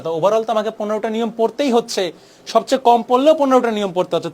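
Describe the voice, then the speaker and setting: A young man from Bangladesh teaching an exam-prep lesson, brisk and persuasive, dropping English words into his Bangla. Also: sits high. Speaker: exam tutor.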